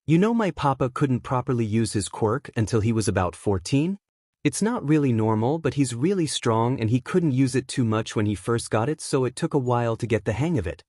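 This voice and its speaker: A man voicing an earnest young boy who recites his lines quickly and with a straight face in a storybook reading. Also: medium pitch, animated, a little mellow, dry recording, clean studio sound, lightly acted. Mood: matter-of-fact.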